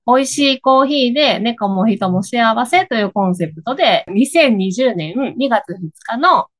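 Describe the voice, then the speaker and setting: A woman's voice: fairly high pitch, animated, normal speed. Woman with an Osaka accent, chatting. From Higashiosaka, Osaka, Japan. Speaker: guest, coffee bean shop owner. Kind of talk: casual interview conversation. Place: at home, on a video call.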